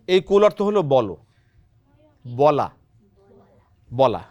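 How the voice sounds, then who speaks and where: A patient, encouraging Quran teacher speaks in a steady, middle-pitched voice. The lesson is taught in a television studio. The teacher keeps quizzing the students and checking with a quick "right?". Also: muffled recording. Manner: quizzes students, often adds a questioning "right?". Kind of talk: children's Quran pronunciation lesson.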